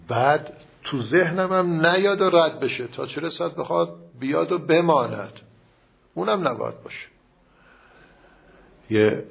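An older male cleric preaches in a heavily gravelly, rough and husky voice, talking to his listeners in a relaxed, storytelling manner and repeating phrases for emphasis. The recording sounds somewhat dull and lo-fi. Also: medium pitch. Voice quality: gravelly and raspy. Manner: conversational preaching with anecdotes and repetition. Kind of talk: sermon.

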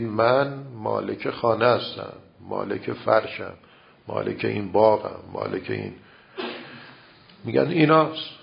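Male lecturer, seminary style, very gravelly voice, dull lo-fi recording, teaches through rhetorical questions. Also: fairly low pitch. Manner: explains with rhetorical questions and everyday examples. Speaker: religious lecturer.

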